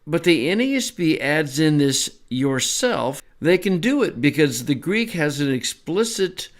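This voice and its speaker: Man giving a relaxed Bible lesson. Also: fairly high pitch. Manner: relaxed, conversational teaching with small asides. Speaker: Bible teacher.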